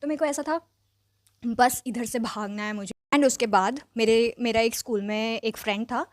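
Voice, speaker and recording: A young woman telling a personal story in a chatty, animated vlog style, dropping English phrases in and leaning on fillers. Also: a little high, moderate pace, no echo, studio quality. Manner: mixes English phrases into speech. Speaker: vlogger. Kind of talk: casual storytelling.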